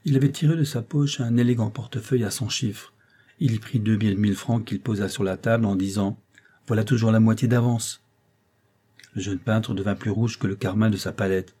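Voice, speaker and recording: A man narrating a classic novel in a measured storytelling manner. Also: on the low side, steady tone, dark tone, breathy edge. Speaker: audiobook narrator. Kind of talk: scripted narration.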